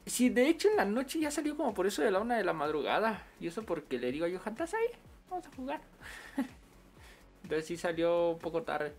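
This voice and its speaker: A man with a Mexican accent chatting casually on a game livestream, full of slang and quick laughs. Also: high voice, expressive, soft background music. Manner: slangy, laughs often while storytelling. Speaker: game streamer.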